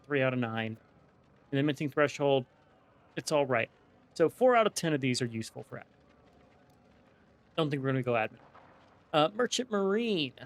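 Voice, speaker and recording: A man with a slight lisp from wearing a dental retainer, giving casual let's play commentary as he thinks aloud and weighs options one by one. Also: mid-range voice. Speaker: gaming video host.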